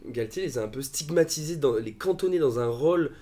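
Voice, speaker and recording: A man's voice: a little high, animated, a little fast, dark tone. A man chatting as a football pundit on a live stream, hesitant with many fillers and restarts. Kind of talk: casual live-stream discussion.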